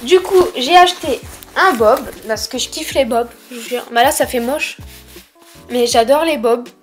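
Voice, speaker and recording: Casting: young female haul vlogger, high-pitched, lisping s, informal chatty delivery, faint music underneath. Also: normal speed. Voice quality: lisp on s sounds. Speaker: vlogger presenting a shopping haul. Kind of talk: casual chatty haul presentation.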